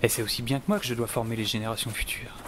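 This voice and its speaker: A man races through scripted first-person audio drama narration in a natural, fairly bright mid-range voice with fairly even intonation. He plays a self-important yet optimistic middle-aged scientist and survivor, wry, theatrical and musing, with music and a little hiss or hum behind him.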